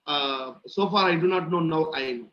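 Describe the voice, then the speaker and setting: Male session leader, Indian accent, high voice, encouraging and repetitive, on a muffled call. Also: normal speed. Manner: encouraging, repeats phrases. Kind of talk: interactive online teaching. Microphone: video call. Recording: muffled online call audio, faint noise.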